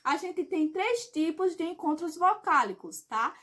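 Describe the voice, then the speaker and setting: A woman's voice: very high voice, expressive, a bit bright. A woman teaching a grammar lesson in a video, who asks questions and answers them herself and checks in with "tá?". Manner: ends phrases with a checking "tá?"; says example words slowly and clearly. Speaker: Portuguese teacher.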